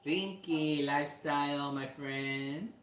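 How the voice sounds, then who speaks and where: A man hosting a casual livestream from his kitchen, chatting slowly and greeting viewers one by one by name. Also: a little high, fairly even intonation, a bit bright, reverberant. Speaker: livestream host.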